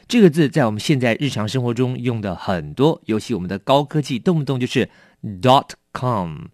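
A man with a Taiwanese Mandarin accent teaching English vocabulary, explaining patiently and repeating each word slowly. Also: mid-range voice, expressive, darkish tone, no echo, studio quality. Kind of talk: vocabulary lesson.

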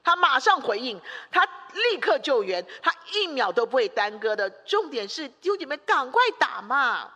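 A woman's voice: sits high, sing-song, normal speed, few pauses, bright, forceful tone, long reverb tail. A woman preacher delivering an emphatic sermon, driving her points home with long runs of repeated rhetorical phrases.

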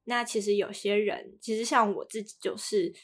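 A woman in her early twenties, speaking with a Taiwanese Mandarin accent, co-hosts a casual podcast where she explains things over background music. Her voice is medium-pitched and steady, moving at a normal speed, and she stretches out the particles that end her phrases.

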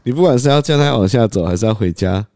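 Quick, mellow-voiced man co-host. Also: fairly low pitch, lively intonation, no echo, clean studio sound. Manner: short reactive interjections and questions. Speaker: podcast co-host. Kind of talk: casual chat.

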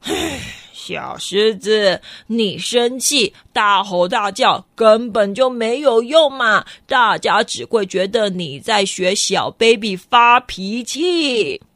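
A woman voicing a big blustering male rhino in a storybook, slow and gruff. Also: medium pitch, animated, a bit bright, no echo, clean studio sound, voice pushed down. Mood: scolding.

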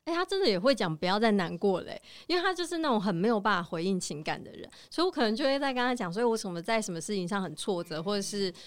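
A woman's voice: mid-range voice, animated, racing, few pauses, clean tone, no echo. A woman counselor, talking earnestly about her own experience in a casual chat. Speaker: guest counselor.

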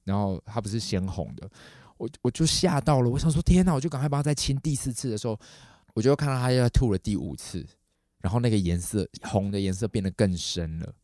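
A man's voice: brisk, no room sound, clean studio sound. A man, hosting a podcast and telling a story casually, acting out the voices of the people in it. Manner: animated, acts out quoted voices with big pitch jumps. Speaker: podcast host.

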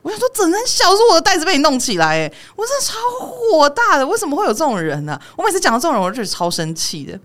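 A young woman with a Taiwanese Mandarin accent talks very fast, venting about strangers in a heated rant peppered with swearing. Her voice sits a little high and swoops all over the place. She is hosting a casual podcast chat. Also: wildly swooping pitch, a bit bright. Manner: heated ranting, swears freely, acts out people it mocks. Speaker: podcast host.

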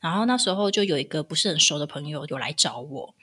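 Bright, husky-voiced woman chatting. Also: deep voice, quick pace. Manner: animated storytelling, acts out voices with laughs. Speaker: podcast co-host. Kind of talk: casual chat.

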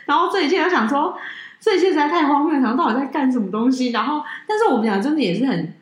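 A woman's voice: high-pitched, fast talker. A woman, co-hosting a casual chat and telling a story animatedly. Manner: animated storyteller, acts out quoted dialogue. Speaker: podcast co-host. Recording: echoey room.

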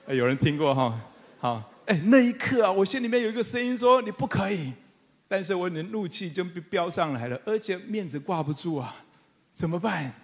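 A middle-aged man preaching to a congregation, his voice sitting high and swelling into fervent, emphatic calls. He tells stories with humorous asides to the listeners. The sound carries a long reverb tail from a church hall. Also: animated, fairly quick. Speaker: pastor. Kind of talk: sermon.

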